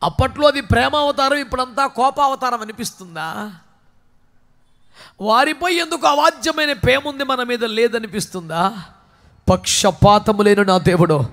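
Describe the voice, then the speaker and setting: A male pastor preaching a sermon with passion, dropping to a hush and then rising to a shout, with many questions aimed at the congregation. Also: very high voice. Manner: impassioned preaching, swinging from hushed to shouting.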